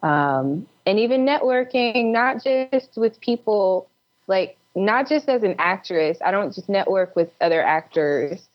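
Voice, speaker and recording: Animated yet a little slow, this woman's mid-range voice carries casual advice during an interview where she's the guest. She's an actress and filmmaker, connected through a dull, lo-fi remote call.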